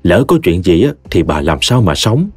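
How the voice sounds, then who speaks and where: A man with a Mekong Delta Vietnamese accent narrating a humorous story in a lively, expressive way. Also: deep voice, normal speed, breathy edge, dry recording. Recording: dry close studio voice, soft music behind.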